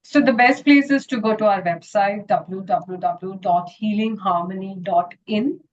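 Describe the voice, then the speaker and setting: A woman's voice: mid-range voice, a little slow, dull audio. A woman founder and homeopath answering interview questions earnestly and telling a parable, with frequent fillers. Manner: earnest, with many "you know" fillers. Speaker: guest, retreat founder and homeopath.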